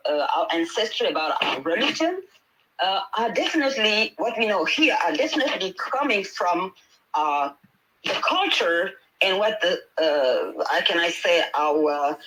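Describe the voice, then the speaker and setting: On a rough recording of a video-call panel, a Senegalese-accented woman who speaks Wolof natively and works as a midwife and healer talks earnestly, full of fillers and restarts. Her voice sits low and sing-song, fairly bright, and a little slow.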